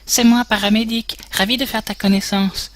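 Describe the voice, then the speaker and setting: A man's voice: high-pitched, flat delivery, normal speed, fairly bright tone, slight background noise, pitched above the performer's own voice. A man putting on a chirpy young field medic woman. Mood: teasing. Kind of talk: reading game dialogue aloud.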